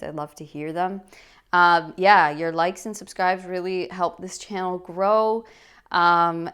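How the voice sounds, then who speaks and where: A woman's voice: on the low side, clean tone. A woman hosting a casual, chatty tarot reading to camera, speaking to her viewers in an effusive, affectionate way. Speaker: tarot reader, channel host.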